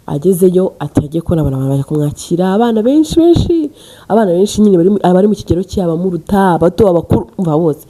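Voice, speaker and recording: Brief: fast-talking woman from Rwanda, casual storytelling vlog, dark mellow tone, chatty. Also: fairly low pitch, slightly rough. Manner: chatty, addresses listeners directly, mixes in English. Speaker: storyteller vlogger.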